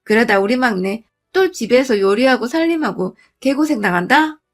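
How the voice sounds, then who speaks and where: A woman voicing a mocking younger sister-in-law who taunts in a slow, drawn-out way. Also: a little high, animated, faint music behind. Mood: taunting.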